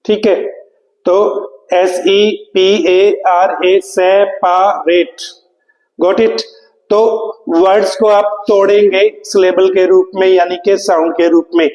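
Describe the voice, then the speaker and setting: A man's voice: high-pitched, flat delivery, slow, a little mellow, reverberant, in a large hall, low-quality recording. A man teaching English spelling to exam students, spelling words out letter by letter and asking the class questions he then answers himself. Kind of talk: exam prep lecture.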